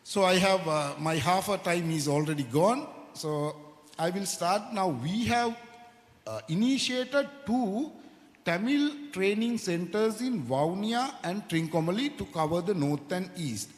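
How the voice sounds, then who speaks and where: A middle-aged man with a Sri Lankan accent gives a formal presentation as a police officer, haltingly, repeating phrases for emphasis. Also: high voice, lively intonation. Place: large hall at a symposium. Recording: echoey hall with long reverb.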